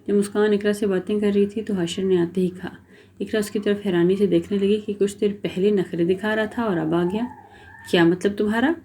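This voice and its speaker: A woman storyteller reading a romance novel aloud in a steady, dramatic manner. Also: mid-range voice, slight background noise.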